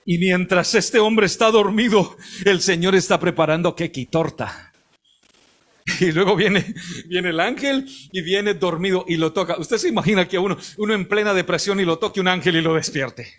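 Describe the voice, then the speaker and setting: A man preaching a sermon as a missionary, emphatic, bursting into shouts and chuckling with his audience. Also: high voice, moderate pace.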